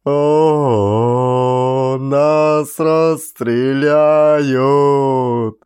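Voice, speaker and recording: A man's voice: steady tone, drawn-out words, bright, forceful tone, smooth, dry recording. A man putting on a wailing, panicked soldier. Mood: panicky wailing. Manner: wailing, shrill and drawn out. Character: panicky terrified Finnish soldier, tearful. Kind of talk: audiobook character voice.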